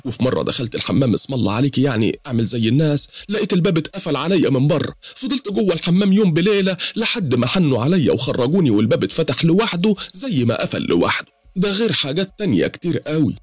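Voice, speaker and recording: A man voicing a distressed middle-aged woman with an Egyptian accent, pleading for help in a high, strained, tearful voice. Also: sing-song, racing, few pauses, slightly rough, no echo, studio quality. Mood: complaining. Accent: Egyptian Arabic.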